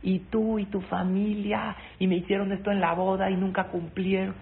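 A man voicing an upset mother-in-law who shouts accusations at her son-in-law. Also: high voice, little pitch movement, normal speed, vocal fry, voice pushed up. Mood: angry. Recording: tinny phone-like sound, faint noise.

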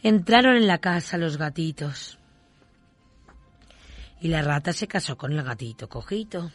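A storyteller reading a children's folk tale aloud in a gentle, rhythmic way. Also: medium pitch, expressive, unhurried, no room sound, soft background music.

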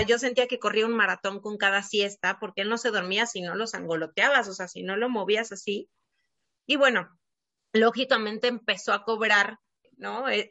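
An Argentine child sleep coach appears as a guest on a podcast, speaking earnestly in a casual interview chat full of small filler words. Her mid-range voice is bright and forceful. The recording is dry, dull, and lo-fi.

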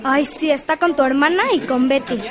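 A woman's voice: sits high, steady tone, fairly quick, close to an everyday voice. Woman playing a frank teenage girl, busy crowd behind. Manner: frank, down-to-earth. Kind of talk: educational radio drama.

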